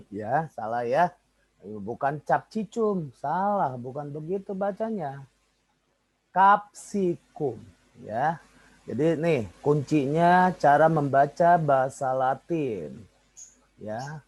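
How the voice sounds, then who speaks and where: A man's voice: a little high, expressive, takes it slowly, darkish tone, dry recording, rough recording. A man, a lecturer teaching an online class and calling on students by name.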